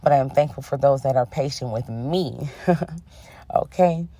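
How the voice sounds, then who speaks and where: A young woman with a bass voice hosts a casual spiritual podcast at a moderate pace, recorded without room sound. She's a little under the weather, her voice a bit rough, but she stays warm, affirming and chatty, often dropping in "okay?" and "honey".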